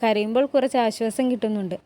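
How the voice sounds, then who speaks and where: A woman voicing an anxious, tearful young woman in a palace drama recap, speaking her lines in a soft, troubled way. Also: on the high side, fairly even intonation, fast, close to an everyday voice.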